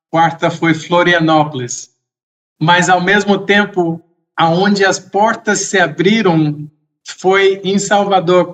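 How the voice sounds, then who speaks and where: A high-voiced man, a podcast guest, tells a story casually during an interview. He speaks slowly and in a measured, reflective way, now and then letting out a soft laugh.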